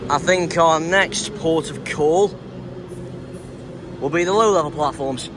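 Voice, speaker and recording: A man with a slightly high voice gives casual vlog commentary over clear station noise. He talks hesitantly, correcting himself as he goes. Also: slow. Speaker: trainspotting vlogger. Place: large railway station.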